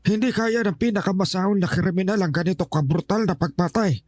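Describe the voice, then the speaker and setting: A man's voice: high-pitched, brisk, a little mellow, no echo. An actor playing a stern, protective old grandfather in an audio horror drama, giving urgent warnings. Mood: grave. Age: older.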